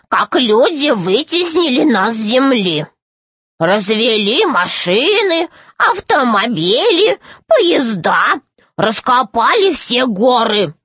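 A woman voicing a very old, timid male gnome who speaks slowly and fretfully, with a husky voice. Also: on the high side, very animated, a bit bright, no echo, heavily acted. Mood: slow, rueful. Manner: slow, drawn-out speech.

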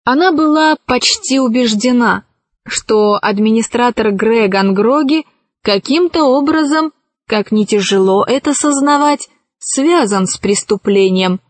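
A woman narrating a storybook in a measured, storytelling manner. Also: a little high, dry recording. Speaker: audiobook narrator. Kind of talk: scripted narration.

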